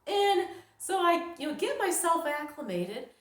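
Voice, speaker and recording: Telling a personal story with dramatic flair, a middle-aged New York vlogger and storyteller acts out how she reacted, keeping it casual. Her voice is very high, fairly bright, and very animated, at a measured pace, and the recording sounds roomy and echoing.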